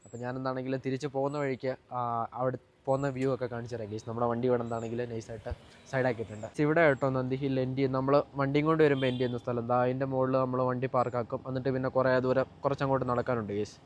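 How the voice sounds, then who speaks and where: A man's voice: mid-range voice, flat delivery, very fast, a little hiss or hum. A young Malayali man chatting casually to viewers in a driving vlog, mixing English words and slang into his speech. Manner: informal, repeatedly addressing viewers. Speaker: vlogger.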